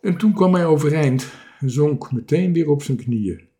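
A man reading a children's storybook aloud as narrator. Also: a little high. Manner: slow, even storybook reading.

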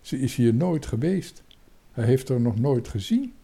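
A man's voice: medium pitch, sing-song, measured pace, creaky, warm tone, slightly rough, full character voice. A man voicing a timid, frightened young boy who stammers urgently in a children's storybook reading. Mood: anxious.

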